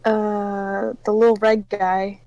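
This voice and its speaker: A woman playing in a casual tabletop role-play, excitable and laughing often. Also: mid-range voice, takes it slowly, dull audio. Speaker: player.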